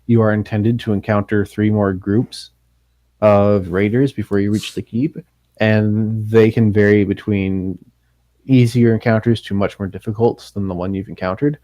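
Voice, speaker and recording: A man with a mellow, lowish voice explains the game's design in a measured way. He sounds close and dry, as the game master. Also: steady tone, no room sound, rough recording.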